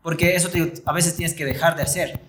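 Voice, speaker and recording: A young man argues in a relaxed back-and-forth, circling his point with false starts. His voice sits a little high, and clear background noise runs under the recording. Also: fast talker, roomy sound. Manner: thinks aloud, restarts and repeats himself. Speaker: podcast co-host. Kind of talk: casual debate.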